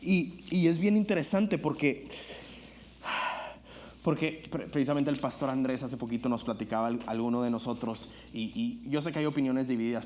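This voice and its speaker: A man's voice: mid-range voice, a little mellow. A man preaching an earnest sermon in a church, climbing to emphatic peaks and stumbling over restarts and filler words.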